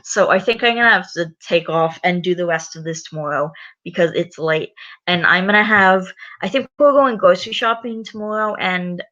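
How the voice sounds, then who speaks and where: On a dull lo-fi recording, a very tired woman who hosts a story-reading channel speaks in a lowish, pushed, bright voice at normal speed. Her casual commentary wanders into rambling, exasperated asides.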